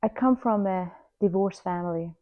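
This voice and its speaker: A woman in her forties from Iran, slowly and earnestly telling her life story to the camera. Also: mid-range voice. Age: 40s. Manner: slow, reflective, heartfelt. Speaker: vlogger. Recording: slightly dull lo-fi sound.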